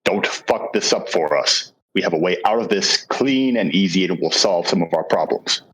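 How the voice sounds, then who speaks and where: A man voices a stern, pragmatic hunter in a tabletop game. The voice is deep and husky, with curt, cold, formal delivery. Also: animated, moderate pace, a bit bright, full character voice, rough recording. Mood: firm. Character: stern, pragmatic great hunter, coolly self-interested.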